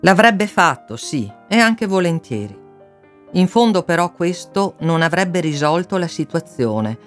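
A man narrating a story aloud, giving the characters their own voices. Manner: voices characters by raising pitch. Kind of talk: audiobook reading with character voices. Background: soft guitar music.

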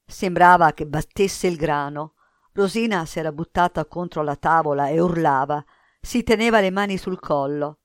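A woman reading a novel aloud in a measured literary reading, slowing at pauses. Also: sits low, no echo, clean studio sound. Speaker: reader.

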